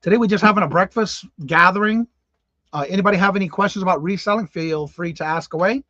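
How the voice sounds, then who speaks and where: High, fast and bright, with a forceful tone, this man in his fifties chats through viewer comments on his casual morning live stream, naming people and exclaiming in disbelief. The recording is dry and lo-fi.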